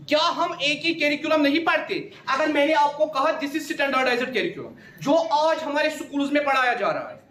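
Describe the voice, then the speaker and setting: A man's voice: extremely high pitch, a bit bright. A male teacher giving a classroom lecture who keeps calling his students "beta" and repeats each key point as a question to the class. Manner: mixes Hindi with English terms. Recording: echoey classroom.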